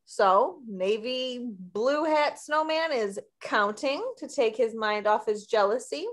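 A woman teacher explaining a classroom lesson step by step in a slow, friendly way. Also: fairly high pitch.

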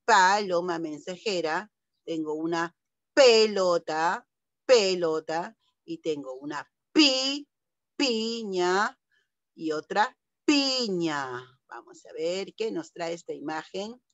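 A woman's voice: fairly low pitch, animated, slow pace, dry recording. A middle-aged woman, teaching young children to read and patiently sounding out syllables. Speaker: primary school teacher. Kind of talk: online reading lesson for young children.

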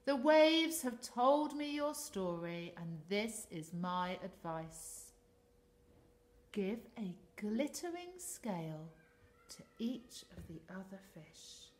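A wise old female octopus from a picture book gives grave advice in a woman's reading. She speaks slowly and solemnly, sometimes trailing into a near whisper, in an echoey room. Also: medium pitch, sing-song. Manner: solemn, slow, dropping to a hush. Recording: echoey room, faint noise.

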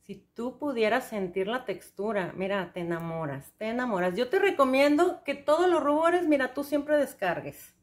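A woman's voice: sits high, moderate pace, few pauses. A young woman, chatting enthusiastically to the viewer while reviewing makeup. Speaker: beauty vlogger.

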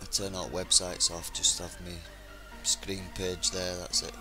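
A man's voice: sits low, little pitch movement, a little slow, over music. A man hosting a casual gaming live stream, chatting with a friend and joking as he thanks new followers.

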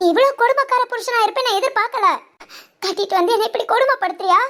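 A woman voicing a sharp-tongued young wife in a Tamil cartoon, bickering and theatrically complaining. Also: extremely high pitch, fast talker, very noisy. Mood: aggrieved. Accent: Tamil Nadu Tamil. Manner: bickering, dramatic. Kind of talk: cartoon voice acting.

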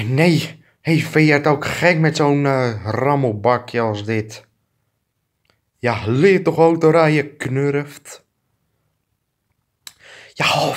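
A man improvising a comic fan dub of two clumsy adult male neighbors who bicker, trading crude insults and swearing. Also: mid-range voice. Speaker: fan dubber.

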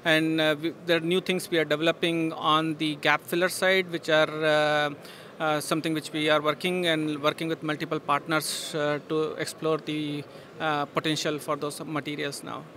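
Middle-aged man, trade show interviewee on a handheld mic; hesitant, filler-heavy delivery, bright tone, faint hall hum. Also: a little high, flat delivery, normal speed. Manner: hesitant, many fillers and restarts. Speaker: industry guest at a trade show. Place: busy exhibition hall booth.

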